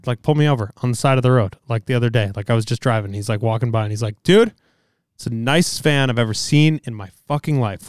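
In a clear, resonant voice of medium pitch, a man hosts a podcast, worn out after a long day. His casual talk, including ad reads, is loose, full of fillers and swearing; the studio-quality sound has no room sound.

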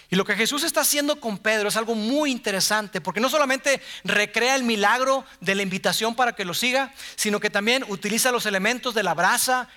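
Speaking in a high voice with a Mexican Spanish accent, a man preaches a sermon from a church stage. His tone is conversational, and he acts out quotes by making his voice softer or louder.

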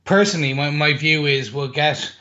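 A man with a fairly high voice sets out his predictions point by point in casual talk. His audio sounds slightly dull and muffled. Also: moderate pace, sharp tone. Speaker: podcast co-host. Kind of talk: casual chat.

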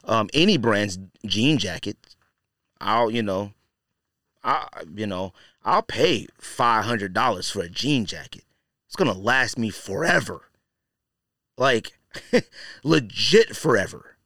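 A podcast host delivers casual, opinionated, blunt commentary full of slang, emphatic repetition, and frequent "you know" and "man." His fairly low voice is animated and sharp, moving slowly with many pauses, recorded in studio quality with no room sound.

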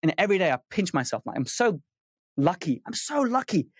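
A man's voice: sits high, very animated, a little fast, husky, no room sound, clean studio sound. A man, a dentist talking as a podcast guest, fluent but full of fillers and restarts. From United Kingdom. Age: 30s. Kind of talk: casual podcast conversation.

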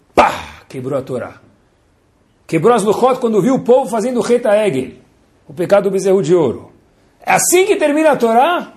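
A man giving a Torah lesson as a lively storyteller, asking his listeners rhetorical questions. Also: on the high side. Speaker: religious teacher.

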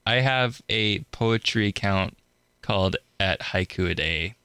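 Young laid-back college radio co-host, slow unhurried pace, dry close mic. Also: low voice, pushed and bright, clear, resonant tone, no echo. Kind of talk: casual chat. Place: radio studio.

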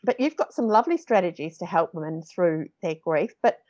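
A woman hosts a casual podcast interview. She is chatty, informal and encouraging, at a middling pitch. The recording is a little dull and lo-fi. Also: sing-song, a little fast, darkish tone.

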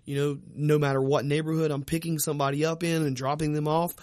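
A man's voice: a little high, flat delivery, fast, a little mellow, no room sound, studio quality. A man in casual profane chat, rambling with lots of fillers and swearing.

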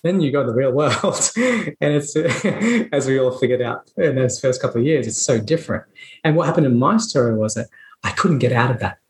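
A man's voice: medium pitch, expressive, a little fast, reverberant, a little hiss or hum, rough recording. A man in his thirties, a dentist telling his story as a podcast guest, earnest and reflective, with frequent restarts and laughs. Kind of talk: conversational storytelling.

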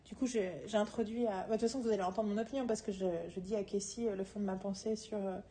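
A woman co-hosting a casual podcast chat who laughs often and talks in a lively, quick way. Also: medium pitch. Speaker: podcast co-host and screenwriting teacher.

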